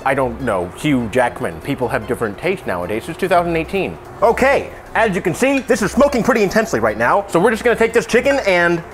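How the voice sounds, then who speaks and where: In a home kitchen, a drunk man hosts a casual cooking video, rambling and cracking joking, self-deprecating asides as he works. His slightly high voice is sing-song and quick with few pauses, over a sizzling pan and kitchen noise.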